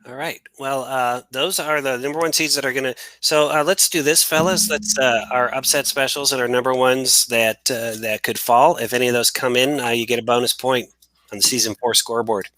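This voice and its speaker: A man's voice: mid-range voice, fairly even intonation, a little fast, sharp tone, no room sound. A man hosting a casual sports talk show, joking and rambling with frequent restarts. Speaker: podcast host.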